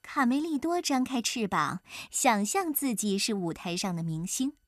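A woman narrating a children's story in an expressive, animated way. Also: a little high, moderate pace, no room sound, studio quality.

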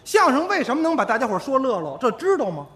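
A man performing crosstalk comedy, teasing his partner in quick banter. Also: very high-pitched, huge pitch swings, a bit bright. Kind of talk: crosstalk comedy duo routine.

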